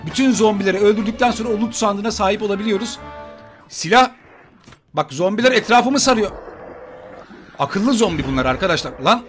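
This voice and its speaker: A man commenting on his mobile shooter gameplay for viewers, excitable and joking, trash-talking enemies. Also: high voice, brisk, long pauses, soft background music. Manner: excitable, swears playfully, talks to viewers and enemies. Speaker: gaming YouTuber. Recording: gunfire and game noise behind.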